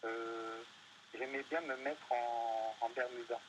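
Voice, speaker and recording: A man's voice: medium pitch, level tone, slow pace, slight background noise, low-quality recording. A man being interviewed, talking hesitantly with many fillers and restarts. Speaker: interview guest. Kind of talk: casual panel interview. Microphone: studio microphone.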